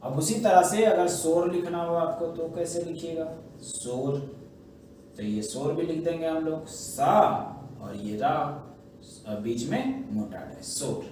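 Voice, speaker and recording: A man's voice: fairly high pitch, slow, warm tone, slight background noise. A man teaching shorthand, explaining step by step in a patient classroom manner and answering his own questions. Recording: echoey room, voice from a distance.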